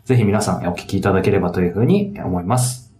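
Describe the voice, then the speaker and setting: A man's voice: deep voice, racing, mellow, husky. A man hosting a podcast, speaking politely in a casual interview and announcement style. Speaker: podcast host.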